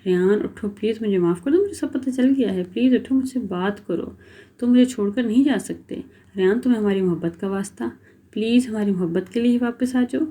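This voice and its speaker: A woman's voice: mid-range voice, mellow, lightly acted. A woman reading the lines of a heartbroken young woman, tearful and pleading.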